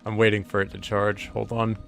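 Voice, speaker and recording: A man streaming a game live, commenting excitably, swearing and talking to his chat. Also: lowish voice, fairly quick, creaky, faint music behind. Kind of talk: live let's-play commentary.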